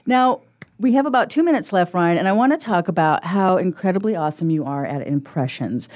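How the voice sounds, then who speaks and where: A woman's voice: fairly low pitch, animated, a little fast, a little mellow. A woman hosting a radio interview program, bubbly and encouraging with her guest. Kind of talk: casual interview chat.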